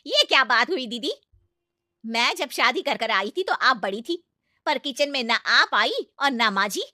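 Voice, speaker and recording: A shrill, scolding aunt-in-law from a cartoon story, voiced by a woman who raises her bright voice to taunt. She swings her pitch high and low and talks loudly and indignantly, in a dry room. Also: big pitch swings, a little slow, dry recording, heavily acted. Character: scolding middle-aged aunt-in-law, tradition-bound.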